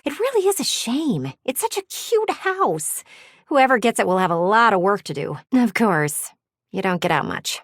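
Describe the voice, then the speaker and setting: Voicing a vain, nosy talking window, this female video game character sits fairly high in pitch and swings widely in melody, full of theatrical fretting and teasing. She starts out fretful and disdainful, then turns snarky and teasing. The sound is close and dry, with no echo or room around it.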